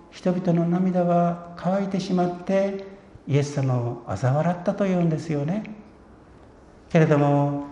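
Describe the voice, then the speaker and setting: A man preaching a sermon in an earnest, measured way. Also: on the high side, warm tone. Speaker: pastor. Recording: echoey room, dull lo-fi sound.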